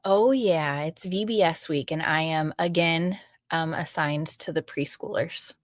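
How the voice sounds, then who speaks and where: A woman's voice: sits low, a little slow, dry recording. Dry-humored woman co-host, close mic. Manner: dry, self-deprecating humor. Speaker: podcast co-host. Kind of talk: casual chat.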